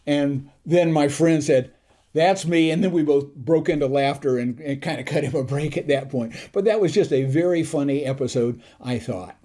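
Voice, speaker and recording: Older male host recalling old stories; warm, mellow tone, a bit high, easygoing and gentle. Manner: gentle, unhurried anecdotes with soft chuckles. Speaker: tutorial channel host. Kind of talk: reminiscing storytelling.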